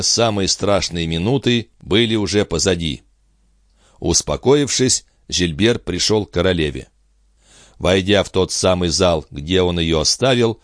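Male audiobook narrator, low, lively intonation, dry close read. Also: no room sound. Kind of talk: scripted narration.

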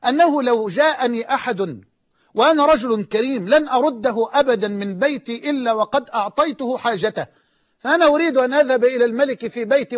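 A man with an Egyptian accent preaching an emotional sermon, swinging from near-shouts to low, hushed lines. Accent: Egyptian Arabic. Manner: impassioned, rising to near-shouts and dropping low. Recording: dull lo-fi audio.

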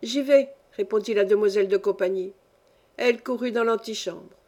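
A woman reading a classic short story aloud, narrating in a measured, clear storytelling manner. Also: medium pitch, steady tone, dark tone. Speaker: audiobook reader. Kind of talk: scripted literary narration.

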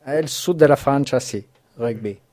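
Mellow-voiced male guest, halting answers. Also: mid-range voice, no room sound. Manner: short halting phrases, simple Italian. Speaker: radio guest. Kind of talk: casual interview answers.

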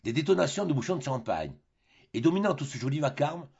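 A man reading a classic novel aloud as an audiobook, with expressive storytelling. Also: fairly high pitch, fast, gravelly, breathy edge, dull audio. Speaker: audiobook reader. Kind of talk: audiobook narration.

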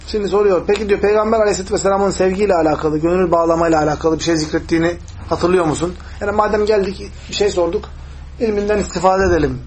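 Guy teaching a hadith class, high voice, keeps asking the room questions, bit of background hiss. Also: fairly even intonation, very fast, a little mellow, poor audio. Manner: explains step by step, asks the class questions. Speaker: religious teacher. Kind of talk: hadith lesson with Arabic recitation.

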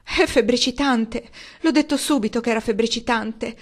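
Whiny fussy cousin lady, bit higher, moaning, put on by a woman reader. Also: sing-song, normal speed. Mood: whining. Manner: whining, plaintive. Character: whining fussy female cousin.

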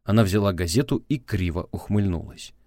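A man with a very low voice reads an audiobook in a steady, measured way. The recording is dry and close, with no room sound. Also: no room sound. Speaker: audiobook narrator. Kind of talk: scripted audiobook narration.

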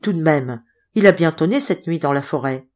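A woman reading an audiobook, voicing an anxious, gentle young woman who speaks fervently. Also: sits low, expressive, moderate pace.

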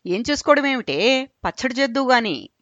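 A woman voicing a loud, bossy elderly man who orders his wife about in a grocery shop. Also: very high-pitched, sing-song, brisk, no room sound, lo-fi sound, pitched above the performer's own voice, heavily acted. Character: loud bossy old man craving pickle.

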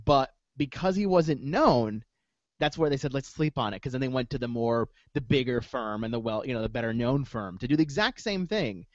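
Halting man podcaster, dull sound. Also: medium pitch, lively intonation, dry recording. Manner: halting, repeats words, eager. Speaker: podcast co-host. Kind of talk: casual TV episode discussion.

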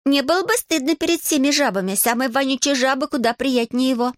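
A woman's voice: high voice, quick pace, dry recording, clean studio sound, voice pushed up, lightly acted. A woman voicing an outspoken teenage stepsister who blurts things out, read for an audiobook. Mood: blunt.

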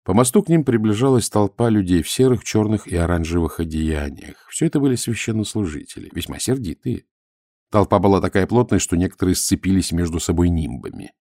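A low-pitched male narrator reads an audiobook with an expressive, varied delivery. The sound is close and dry, with no room around it. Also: fairly quick, no echo. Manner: expressive, lively reading.

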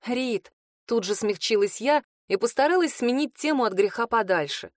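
A woman narrating a first-person novel as an audiobook, lively and expressive. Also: a little high, fairly quick, no echo, studio quality.

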